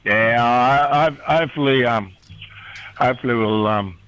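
A man's voice: mid-range voice, unhurried, a crowd in the background. A middle-aged man with a rural North Queensland accent, chatting casually on radio in a rambling, laconic drawl. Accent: rural North Queensland Australian. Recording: dull, lo-fi radio sound.

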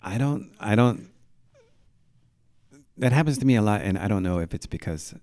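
A man who speaks English as his native language, hosting a podcast interview, relaxed and encouraging, rephrasing what the guest says. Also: fairly low pitch, moderate pace, no room sound. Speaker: podcast host. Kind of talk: casual interview.

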